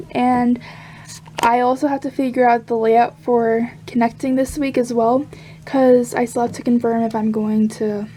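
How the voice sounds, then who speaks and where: A woman chatting casually about her crochet project, rambling and laughing softly between thoughts. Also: on the high side, slight background noise. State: hiccups. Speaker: crochet vlogger. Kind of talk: casual chat.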